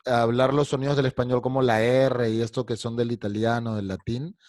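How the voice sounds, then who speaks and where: A man teaching an online English pronunciation class over a video call, patiently repeating words and stretching them out slowly with exaggerated sounds. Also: mid-range voice, flat delivery, a little mellow, no room sound.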